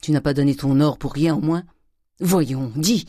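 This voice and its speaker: A reader voicing a domineering, miserly old father who lurches from loud fury to hissed whispers. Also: medium pitch, moderate pace, dry recording, studio quality, lightly acted. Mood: raging. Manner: thundering, swinging from shouts to hissed whispers. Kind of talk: audiobook character reading.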